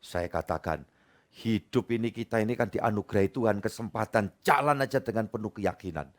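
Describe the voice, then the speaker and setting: A man preaching a Bible study sermon to a church congregation, emphatic and humorous, swinging between soft asides and loud climaxes. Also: lowish voice, fairly quick. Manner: humorous, addresses the congregation directly. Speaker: pastor. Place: church service.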